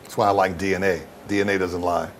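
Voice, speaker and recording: Quick-paced and flat in delivery, a low-pitched man gives blunt, candid answers to interview questions. Repeated phrases and heavy emphasis drive his points home, and background noise can be heard under his voice.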